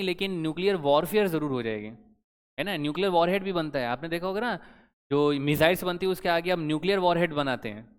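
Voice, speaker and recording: A man's voice: on the high side, clear, resonant tone. A young man teaching current affairs for exam preparation, chatty, constantly quizzing his students with questions. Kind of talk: exam-prep lecture. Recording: long hall reverb.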